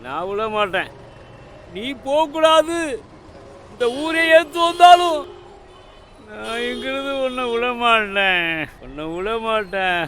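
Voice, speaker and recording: Blackout drunk man, super high voice, slow draggy rambling, stubborn comedy sketch stuff. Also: expressive, a little hiss or hum, exaggerated voice. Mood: maudlin, pleading. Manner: drunken, rambling, repetitive shouting and pleading.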